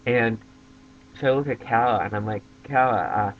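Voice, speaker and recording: A young man casually telling a funny story to his camera as a vlogger, lively and given to squealing when excited. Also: mid-range voice, moderate pace, a little hiss or hum. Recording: dull lo-fi webcam audio.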